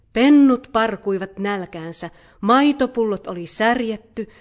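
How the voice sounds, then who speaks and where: A woman narrating a children's fairy tale in a calm, measured read-aloud voice. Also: mid-range voice. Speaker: storyteller.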